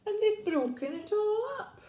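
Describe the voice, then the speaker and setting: A woman doing a tiny, squeaky bear cub who is close to tears. He pipes up high above her usual range, and the room around him echoes. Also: lively intonation, moderate pace, mellow. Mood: tearful. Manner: squeaky, tearful. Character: small crying boy bear cub.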